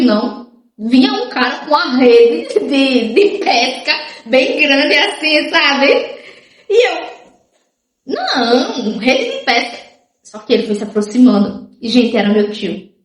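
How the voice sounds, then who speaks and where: A woman's voice: sits high, echoey room. A young woman, casually telling viewers her life story and acting out what others said. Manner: chatty, often says "gente" and "tipo", acts out others' lines.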